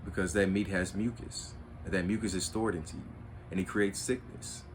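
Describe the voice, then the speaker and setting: A man's voice: low voice, steady tone, moderate pace, background noise. A man hosting his own spiritual video, lecturing in an earnest, repetitive, preachy way. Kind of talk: monologue to camera.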